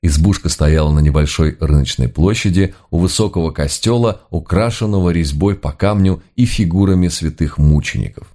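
Deep-voiced man, ironic narration. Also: moderate pace, few pauses, warm tone. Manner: dry, ironic storytelling. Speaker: audiobook narrator. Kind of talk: scripted narration of a comic novel.

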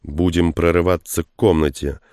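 A man's voice: sits low, fairly even intonation, normal speed, mellow, no room sound, clean studio sound. A man voicing a curt, commanding soldier. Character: gruff male soldier leading a breakout.

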